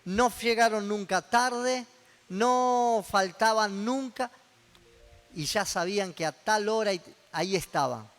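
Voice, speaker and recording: High-voiced Rioplatense pastor preaching. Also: male voice, takes it slowly, a bit bright, long reverb tail, soft background music. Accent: Rioplatense Spanish. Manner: teaching with questions to the congregation. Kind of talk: sermon. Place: church hall.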